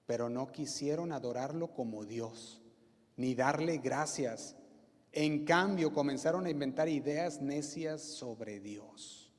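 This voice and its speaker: A man's voice: mid-range voice, darkish tone. A male pastor with a Mexican Spanish accent preaching a sermon, using emphatic repetition and rhetorical questions. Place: church hall. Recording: reverberant church hall.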